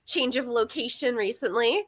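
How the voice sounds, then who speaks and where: A woman's voice: fairly high pitch, moderate pace. A woman hosting a live webinar, chatty and upbeat, laughing often as she introduces guests and reads questions. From Texas. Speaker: webinar host.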